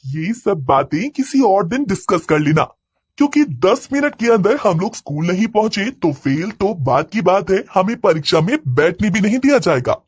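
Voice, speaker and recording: A brash, bossy schoolgirl, as a man puts her on, with a high voice that leaps up and down as she snaps and scolds. She is sharp-tongued and impatient, a figure in a storybook tale. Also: big pitch swings, moderate pace, slightly rough, no room sound, heavily acted. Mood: hurried.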